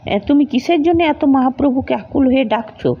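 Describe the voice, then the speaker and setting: A woman doing kind old village priest, gentle and reassuring, dull sound. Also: high voice, animated, moderate pace, breathy edge, voice pushed up, exaggerated voice. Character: kindly older male village priest. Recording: dull lo-fi recording.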